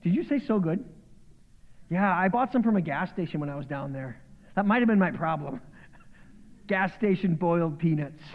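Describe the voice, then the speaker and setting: Joking pastor preaching in an echoing hall. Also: male voice, fairly high pitch, normal speed. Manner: conversational, joking, animated preaching. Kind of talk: sermon. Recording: phone-like sound with long hall reverb.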